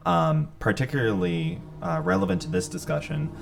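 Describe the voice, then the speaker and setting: Young male podcast co-host, heavy vocal fry, hesitant and rambling. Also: medium pitch, big pitch swings, moderate pace, background noise. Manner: rambling, hesitant with many fillers. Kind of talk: casual chat.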